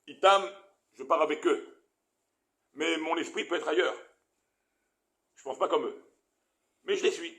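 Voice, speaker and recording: A male rabbi gives an animated Torah lesson, questioning his listeners as he explains Hebrew terms. His voice is bright and forceful. It sits a little high for a man. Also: measured pace, gravelly, long pauses.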